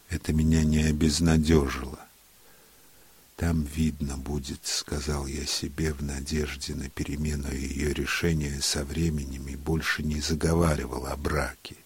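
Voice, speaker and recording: Male storyteller, very low and breathy, flat hushed reading. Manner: hushed, unhurried, sometimes sinks to a whisper. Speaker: narrator. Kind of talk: literary reading.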